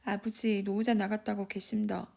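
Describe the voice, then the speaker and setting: A woman's voice: mid-range voice, little pitch movement, normal speed, gravelly, dark tone, close to an everyday voice. A woman voicing a sulky, resentful young village boy speaking in Gyeongsang dialect.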